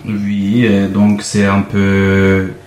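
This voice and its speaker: A man from Turkey with a Turkish accent, a non-native French speaker, presenting and reading a picture book with hesitant, halting speech and many fillers. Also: on the low side, monotone, a little mellow. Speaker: guest volunteer presenting a book. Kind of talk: halting read-aloud and chat. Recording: roomy with faint background noise.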